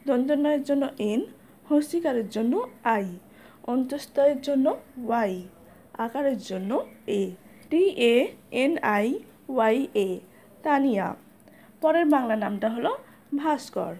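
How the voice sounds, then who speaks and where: A woman teaching a spelling lesson, spelling out letters one by one in a slow, methodical way. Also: high-pitched, dark tone.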